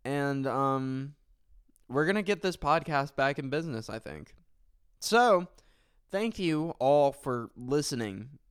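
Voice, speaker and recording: A male podcast host chats on his own in an unhurried, rambling way, stumbling over words and filling gaps with ums. His voice is smooth and clear. The sound is dry, with no room around it. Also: medium pitch, animated, no echo. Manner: rambling, self-correcting, full of fillers; sincere and thankful. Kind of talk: casual solo podcast talk.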